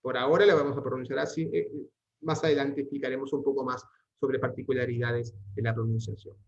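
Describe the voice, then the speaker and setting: A male teacher talks through a Latin lesson at an average pitch. He explains grammar patiently and reads example sentences aloud at an unhurried pace. The recording sounds a little dull and lo-fi. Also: fairly even intonation. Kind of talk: online language lesson.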